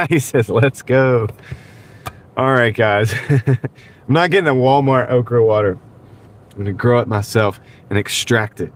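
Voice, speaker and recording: A livestream host in his car at night chats with viewers in a rambling way, often chuckling as he reads their comments out loud. His medium-pitched voice is slightly rough and nasal from congestion, a little slow, with frequent pauses. The wireless clip-on mic carries a little hiss or hum.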